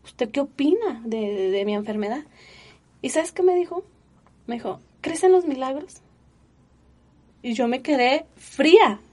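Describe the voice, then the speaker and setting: A woman, telling her personal story in an interview with earnest, animated feeling and many fillers. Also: high-pitched, measured pace, long pauses. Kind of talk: emotional personal testimony.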